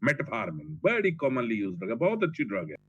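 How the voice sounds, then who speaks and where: A man's voice: mid-range voice, very animated, fast talker, vocal fry, slightly rough, no room sound. A man giving a pharmacology lecture, blunt and colloquial, repeating drug names for emphasis. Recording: dull lo-fi classroom recording, faint noise.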